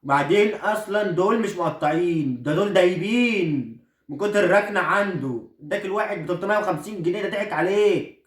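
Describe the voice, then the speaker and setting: Playing an outraged teenage son in a comic sketch, an Egyptian-accented man scornfully rejects the clothes given to him. He talks fast in a high-pitched, natural voice, sounding distant from the microphone in an echoey room.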